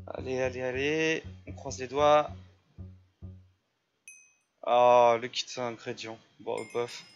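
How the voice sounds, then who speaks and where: A man's voice: mid-range voice, fairly bright tone, lo-fi sound. A man giving casual, step-by-step commentary over his own gameplay, chatty and full of fillers. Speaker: Minecraft server YouTuber.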